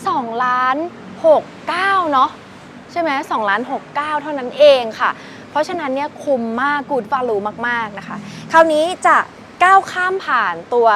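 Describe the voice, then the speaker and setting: Young woman, bright high register, effusive dealer-style car walkaround, slight background noise. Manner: chatty and gushing, addresses viewers directly. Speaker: used car sales presenter. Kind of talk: enthusiastic car walkaround review.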